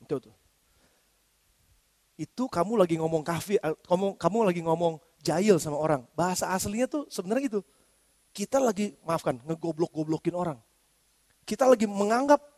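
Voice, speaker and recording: Male pastor, very high-pitched, lively sermon, long church-hall reverb. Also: fairly quick. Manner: lively preaching, acts out quoted speech in slangy Jakarta style.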